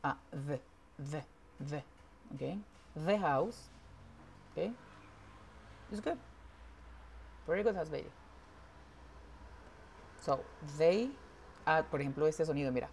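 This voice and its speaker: Low, slow, gravelly woman teaching. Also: expressive, a little mellow, slight background noise. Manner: repeats words slowly to model pronunciation; switches between English and Spanish. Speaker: English teacher. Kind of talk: online English class.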